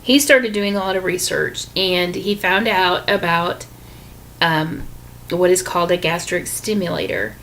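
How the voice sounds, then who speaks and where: A woman telling her own story to camera, candid, with frequent pauses and restarts. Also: fairly low pitch, steady tone, a bit bright, slight background noise, rough recording. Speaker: vlogger sharing her illness story.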